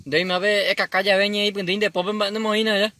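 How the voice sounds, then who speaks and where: Man, comedian, comic monologue, high voice, mumbled clipped slang. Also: flat delivery, fast, noisy background. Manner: rambling, mumbled, clipped filler syllables.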